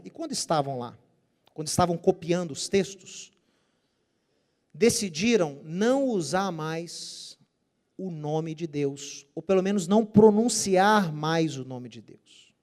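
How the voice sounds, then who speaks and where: A man with a high-pitched voice leads a Bible study lecture. He explains carefully and pronounces Hebrew terms deliberately. He poses rhetorical questions to his listeners and answers them himself. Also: darkish tone. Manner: says Hebrew terms with care. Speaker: teacher.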